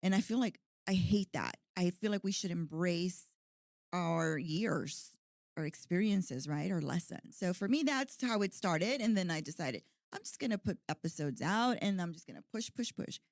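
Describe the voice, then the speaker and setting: A woman's voice: on the low side, animated, normal speed, gravelly, dry recording, clean studio sound. A woman in her forties hosting a podcast, talking in a chatty, earnest way with plenty of "like" and "you know". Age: 40s. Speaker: podcast host. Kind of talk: casual podcast chat.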